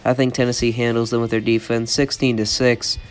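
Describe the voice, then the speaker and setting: A young man with a cold sounds congested as he gives college football predictions as a channel host. His medium-pitched voice is clear and resonant, a little fast yet monotone, with soft music in the background, and he's opinionated and keeps repeating "I think."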